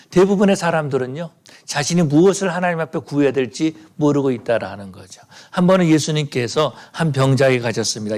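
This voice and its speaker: Korean pastor telling Bible stories. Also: male voice, medium pitch. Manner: storytelling, acting out voices in quotes, builds to emphatic peaks. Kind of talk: sermon.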